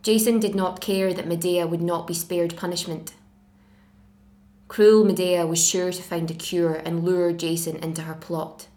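A 21-year-old woman from Scotland with a Glasgow accent, reading a passage aloud in a measured, careful way and introducing herself. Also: lowish voice, little pitch movement, mellow. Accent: Glasgow Scottish.

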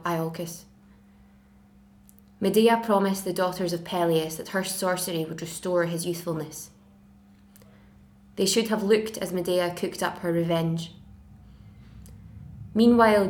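Brief: a young Scottish woman with a Glaswegian accent, slightly low voice, reads aloud measured. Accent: Glasgow Scottish. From Scotland. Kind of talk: reading a passage aloud, then casual self-introduction.

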